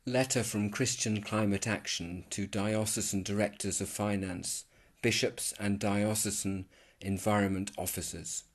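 Brief: man, lowish voice, measured formal letter reading, voice-over. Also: steady tone. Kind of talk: scripted narration, reading a letter.

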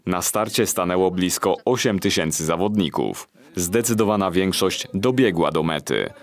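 A man narrating a local television news report in a steady, measured way. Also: low-pitched.

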